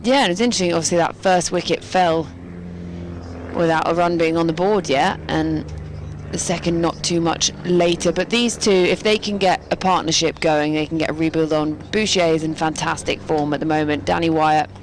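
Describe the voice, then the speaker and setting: Female colour commentator, low voice, chatty and analytical, faint background noise. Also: steady tone, normal speed. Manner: chatty, analytical, with light jokes. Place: commentary box at a quiet ground.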